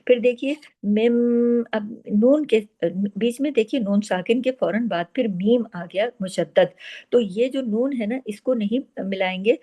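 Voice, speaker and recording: Woman tajweed teacher, mellow voice, explains then recites slow and drawn out, asks herself quick questions. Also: on the high side.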